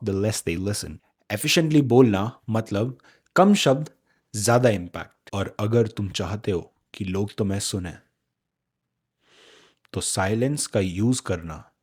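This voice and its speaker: साफ़ बोलने पर सेल्फ-हेल्प वीडियो होस्ट करता भारतीय आदमी, खुरदुरी सी आवाज़, आराम से ठहर-ठहर कर बोलता है. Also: male voice, medium pitch, darkish tone. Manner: blunt, profane, mixes Hindi and English. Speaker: self-help video host. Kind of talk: casual motivational talk to camera.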